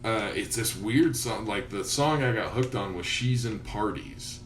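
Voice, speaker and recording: A man's voice: lowish voice, a little slow, far from the mic, a crowd in the background. A young man co-hosting a podcast, rambling casually and swearing a lot. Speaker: podcast co-host. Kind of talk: casual stoner chat. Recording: roomy echo, noisy, off-mic.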